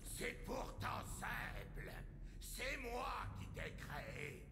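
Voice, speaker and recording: A man voicing a pompous, menacing villain in a video game, with a gravelly, theatrical delivery. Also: very high-pitched, very animated, very slow, noisy background, heavily acted. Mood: smug, commanding. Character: gloating theatrical villain who made and menaces small creatures. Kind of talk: video game character acting. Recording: reverberant, with loud game music behind.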